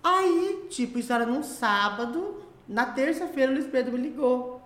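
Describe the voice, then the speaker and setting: A woman from central-west Brazil telling a story as a guest in a casual chat, animated and laughing, acting out other people's voices. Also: sits high, moderate pace. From Brazil, Mato Grosso do Sul.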